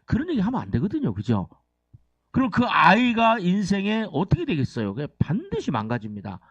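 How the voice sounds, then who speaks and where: A male pastor preaches with a lively, swinging voice that sits a little high. He keeps tossing questions to the congregation and leads the call-and-response reading. The sound is dry and somewhat dull, like a lo-fi church recording. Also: a little fast, breathy edge, dry recording. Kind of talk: sermon. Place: church sanctuary.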